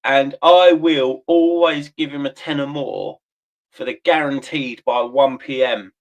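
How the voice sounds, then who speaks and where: A man's voice: medium pitch, steady tone, measured pace, dull audio. A man hosting a stream, chatting casually, swearing and laughing often. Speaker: livestream host. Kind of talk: casual chat.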